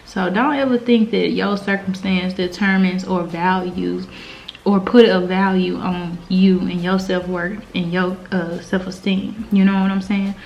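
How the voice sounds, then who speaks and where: A woman's voice: on the low side, steady tone, measured pace, gravelly, a little mellow. An American woman hosting a mukbang, giving earnest, informal, slangy advice in casual girl talk while she eats. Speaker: mukbang host. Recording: slightly dull, lo-fi sound.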